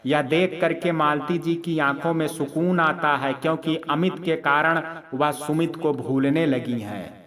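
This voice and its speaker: A man narrating a dramatic family story in a steady, descriptive storytelling manner. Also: a little high, unhurried, a crowd in the background.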